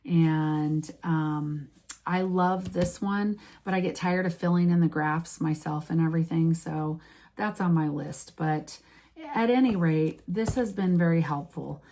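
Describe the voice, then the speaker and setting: A woman in her late fifties talks casually to the camera, wandering through her thoughts with frequent fillers and self-corrections. Her voice sits low and sounds mellow and relaxed. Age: 50s. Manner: rambling, many restarts and fillers. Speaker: vlogger.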